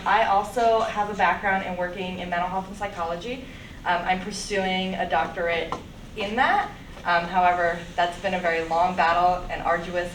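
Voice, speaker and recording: Young woman born in russia, measured thoughtful intro, roomy echo, faint hiss. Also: mid-range voice. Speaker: AmeriCorps volunteer. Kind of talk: casual self-introduction. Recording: echoey room, distant mic, light noise.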